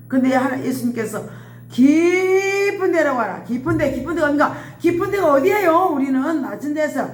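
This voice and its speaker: A woman's voice: high-pitched, reverberant. A woman preaching a sermon with passion, repeating her phrases and crying out pleas. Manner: impassioned, repeats phrases, cries out quoted pleas.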